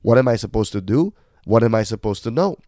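A man's voice: lowish voice, lively intonation, fast talker, warm tone, dry recording, clean studio sound. A middle-aged man, hosting a reflective podcast monologue in a candid, self-deprecating, conversational way. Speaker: podcast host.

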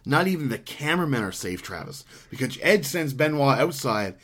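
Man, podcast co-host, casual wrestling recap, rambling, fillers, swears a lot, mid-pitched voice. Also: very animated, normal speed, a bit bright, husky. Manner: rambling, profane, laughs often, frequent fillers. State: hiccuping.

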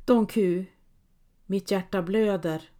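A woman's voice: medium pitch, dark tone, faint music behind, natural voice. A woman voicing a weary, plaintive male squire who grumbles and hesitates, in a read-aloud story. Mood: mournful. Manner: plaintive, complaining. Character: gloomy downcast male squire, weary and reluctant.

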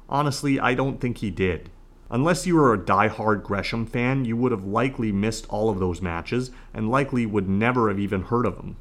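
Low-voiced man hosting a podcast. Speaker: podcast host. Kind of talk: scripted solo commentary.

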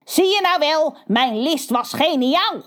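A woman's voice: sits high, lively intonation, slow pace, a bit bright, pitched above the performer's own voice, exaggerated voice. A woman voicing a proud, boastful male crow with a smug manner.

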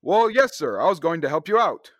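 With a fairly high, a bit bright voice and big swings in pitch, a young man talks a little fast, excited and eager. He's acting in the manner of a 1930s radio serial, playing an adventurous space hero who is earnest and overflowing with gee-whiz enthusiasm.

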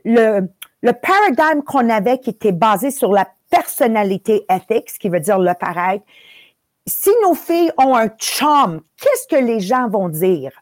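Woman host, fairly high voice, dry close sound, motivational talk that mixes in English. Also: no room sound. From Italy. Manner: mixes English phrases into French. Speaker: podcast host. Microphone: live video call.

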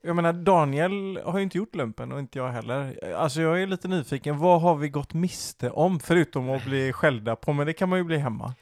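A man co-hosting a podcast who asks curious questions and slips in joking asides. His voice sits a little higher than average and sounds dry and close. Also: hardly any pauses, dry recording. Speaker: podcast co-host. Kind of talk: casual interview questions.

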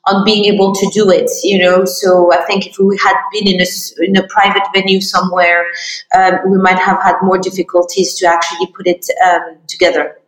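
A woman's voice: mid-range voice, little pitch movement, brisk. Woman, roomy distant sound. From Morocco. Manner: hesitant, many fillers and restarts. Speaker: art fair founder. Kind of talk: remote interview answers.

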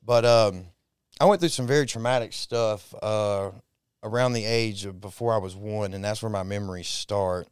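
A man in his thirties shares his testimony in a lowish, smooth and resonant voice. He talks haltingly, pausing often and reaching for words. The sound is close and dry, with no room around it. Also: no echo. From Texas, raised in Mississippi. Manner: halting and reflective, many pauses and fillers. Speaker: guest. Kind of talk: personal testimony interview.

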